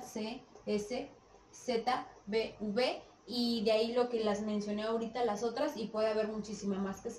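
A woman's voice: fairly high pitch, mellow, slight background noise. A woman teacher with a Mexican Spanish accent giving a classroom lesson, checking often that the students follow. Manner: checks understanding with frequent "¿sí?" and "¿sale?". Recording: echoey room from a distance with faint background.

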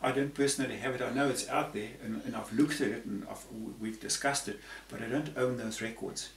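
In a room with a patterned tapestry backdrop, a panel guest from Zambia in his sixties rambles conversationally through his explanations, frequently repeating words. His mid-range voice has vocal fry and a steady tone, and he speaks fairly quickly. The audio is roomy and distant, with a faint hiss.

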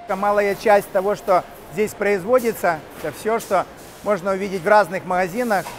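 A man's voice: high-pitched, fairly quick, in a large hall, faint music behind. Middle-aged man telling his business story. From Ukraine. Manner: animated, gesturing while walking and talking. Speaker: company co-founder. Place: large factory halls and offices, indoors. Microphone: camera-mounted shotgun mic.

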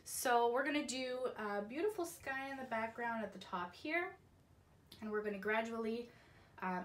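A woman's voice: fairly high pitch, fairly bright tone. A woman in her thirties from Canada, a painting instructor who walks through each step of a tutorial in a friendly, instructive way. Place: indoor craft studio with paint shelves.

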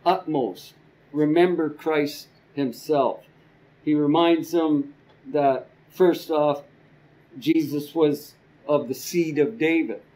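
An older man teaching a church Bible class from a podium, slow and halting with frequent ums and repeated words. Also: fairly high pitch, mellow, low-quality recording. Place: church classroom with a projector screen. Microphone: podium microphone.

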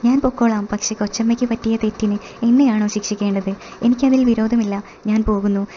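A woman voicing a bold, defiant young male servant, speaking in a flat, dark tone. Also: on the high side, fairly quick, muffled recording, a little hiss or hum, natural voice.

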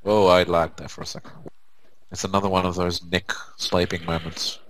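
A man's voice: low voice, little pitch movement, moderate pace, a bit bright, slight background noise. A man playing a game and chatting casually, joking, laughing and teasing his co-player. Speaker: let's play gamer. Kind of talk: casual gaming banter.

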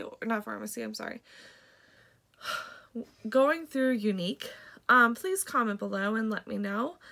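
A young woman who sells products and runs a beauty vlog chats casually through a makeup video, rambling with lots of ums and likes. Her congested voice is a little high, creaky, pushed and bright.

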